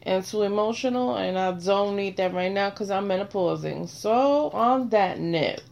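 A middle-aged woman hosting a casual chat, speaking bluntly and with animated swings between quiet and loud. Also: mid-range voice, normal speed, vocal fry, dull audio. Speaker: host.

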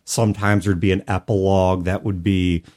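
The man hosting this casual tabletop RPG podcast has a low, darkish voice with a level tone and moderate pace. He reflects at length, qualifying his points with hedging asides.

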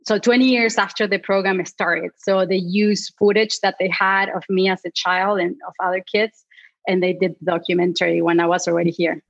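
A woman's voice: fairly low pitch, level tone, normal speed, creaky, dry recording, muffled recording. A woman in her thirties from Argentina, whose first language is Spanish, chatting casually as an interview guest with many fillers and light laughs. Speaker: clinical psychologist guest.

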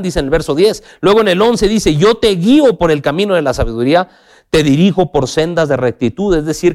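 A man preaching a sermon, speaking straight to the listener with questions, dropping to soft low lines and then lifting into raised, emphatic passages.

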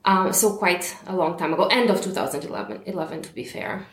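A woman's voice: on the low side, fast talker. Chatty woman from Romania, echoey room. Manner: warm and chatty, laughs often, uses fillers. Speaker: podcast guest, investor. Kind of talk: interview podcast.

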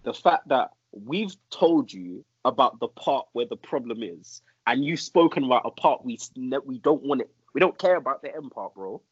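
Husky man, halting debater. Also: mid-range voice, lively intonation, no echo. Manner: halting, repeats phrase openings. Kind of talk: casual group debate. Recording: muffled lo-fi room sound.

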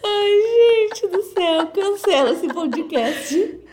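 A woman co-hosting a casual podcast chat, lively and teasing, laughing often. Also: extremely high pitch, takes it slowly, roomy sound. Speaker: podcast co-host.

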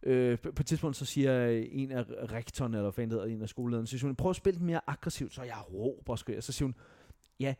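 A young man from Denmark telling stories in a casual chat, animated, swearing and mocking himself. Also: medium pitch, hardly any pauses, dry recording, studio quality. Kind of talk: casual podcast storytelling.

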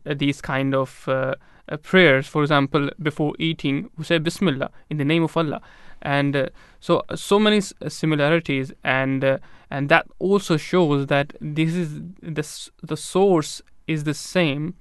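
Smooth-voiced, halting male co-host. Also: a little high, no room sound, studio quality. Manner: halting, with many hesitations. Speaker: radio co-host. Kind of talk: studio discussion.

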